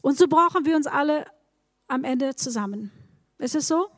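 A woman's voice: high voice, expressive, moderate pace, no echo, studio quality, big-room sound. A woman preaching a sermon, speaking straight to her congregation with encouraging words and frequent repetitions. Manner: encouraging, addresses the congregation directly, repeats words.

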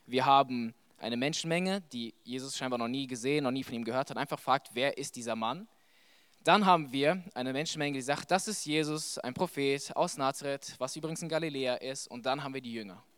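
A young adult man giving a conversational sermon to a church audience, animated and full of fillers. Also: mid-range voice, brisk, clear, resonant tone, no room sound. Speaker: preacher.

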